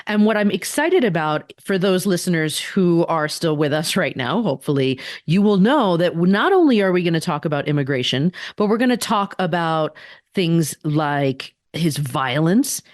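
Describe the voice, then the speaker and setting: A woman's voice: fairly low pitch, lively intonation, no echo. Emphatic woman co-host, dry close sound. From daughter of immigrants. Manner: emphatic, quick asides, rhetorical questions. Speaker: podcast co-host. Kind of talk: casual political chat.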